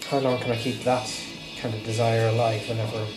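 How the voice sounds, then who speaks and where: A man's voice: medium pitch, little pitch movement, fast. A man in his late thirties, a little stuffy from a cold, talking casually and reflectively with lots of fillers while he works. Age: 30s. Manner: rambling and reflective, many fillers. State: slightly congested from a cold. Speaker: guitar channel host. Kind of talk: casual rambling talk while working. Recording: echoey room with loud music behind.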